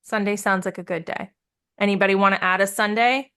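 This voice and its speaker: A woman's voice: medium pitch, fairly even intonation, fairly quick, pushed and bright, clear, resonant tone. Upbeat woman coaching on a live call. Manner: upbeat, encouraging, laughs often. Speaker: business coach.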